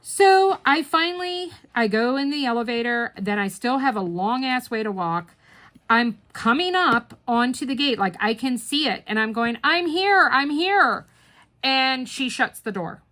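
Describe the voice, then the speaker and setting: A woman hosting a crafting chat channel, telling a story straight to her viewers in an expressive, chatty way. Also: a little high, moderate pace. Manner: chatty and expressive, with swings in volume; speaks right to viewers.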